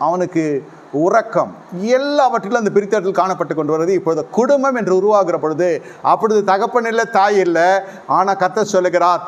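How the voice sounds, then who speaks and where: A man with a high, light voice delivering a sermon. He preaches with strong emphasis and keeps repeating his key phrases to drive them home. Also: a little fast, muffled recording.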